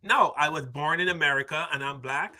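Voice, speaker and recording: A podcast host from Barbados talks casually and asks questions in an opinionated discussion, repeating "why isn't that enough?" His voice is fairly high, brisk, bright and forceful.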